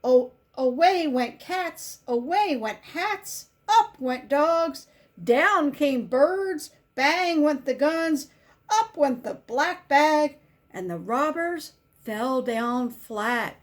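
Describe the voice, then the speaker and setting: A volunteer reads a children's picture book aloud in a woman's voice that sits high and sounds animated. Her storytelling is simple and deliberate, leaning on key words for emphasis.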